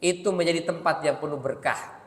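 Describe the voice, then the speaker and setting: A preacher gives a mosque sermon in a casual, humorous storytelling way, asking the congregation questions. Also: male voice, on the high side, a little fast. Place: mosque hall. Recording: long reverb of a mosque hall.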